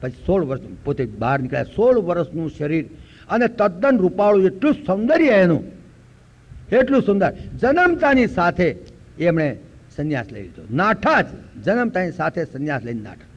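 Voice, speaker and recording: An older man from Gujarat giving a spiritual lecture, telling stories and slowly chanting verses. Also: sits high, sing-song. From Gujarat, India. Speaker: preacher. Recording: dull lo-fi recording.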